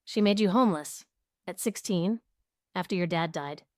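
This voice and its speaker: A woman voicing a shaken adult husband who speaks quietly and sounds hurt. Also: fairly low pitch, moderate pace, dry recording, studio quality, natural voice.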